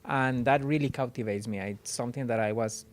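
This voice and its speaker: A Spanish-native man from Costa Rica, a flamenco guitarist, talking haltingly in an interview and repeating words as he goes. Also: mid-range voice. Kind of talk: interview conversation.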